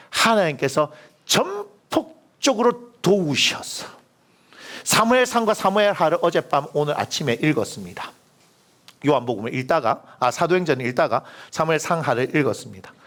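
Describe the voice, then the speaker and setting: Middle-aged pastor guy preaching, slightly high voice, swings his pitch all over, acts out the bible characters. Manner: lively storytelling, acting out biblical figures in colloquial voices; asks the congregation rhetorical questions. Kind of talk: sermon.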